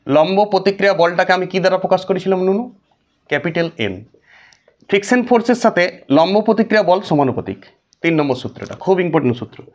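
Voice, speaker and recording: A man teaching a physics lesson, asking the class questions and answering them himself. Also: high-pitched. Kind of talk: classroom lecture.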